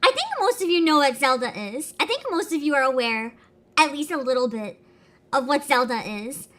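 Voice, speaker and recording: Woman livestream host, excitable and giggly, very high voice with lively swings, chatting casually over music. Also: fairly quick. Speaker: streamer, host. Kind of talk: casual reaction livestream chat.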